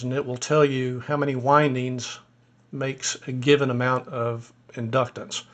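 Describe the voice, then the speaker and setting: A man talks through a screen-recorded tutorial at an easy pace, explaining each step as he goes and pausing to think aloud. His voice is a bit hoarse and sits at an ordinary middle pitch. It has the feel of a hobbyist recording at his desktop computer. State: a little hoarse. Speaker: ham radio hobbyist demonstrating software.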